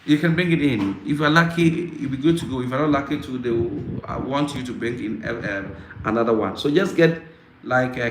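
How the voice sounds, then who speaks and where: A man from Africa hosting a casual live Q&A, answering viewer questions in a halting way with frequent fillers and repetitions. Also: mid-range voice, fairly bright tone. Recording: roomy echo, faint background noise.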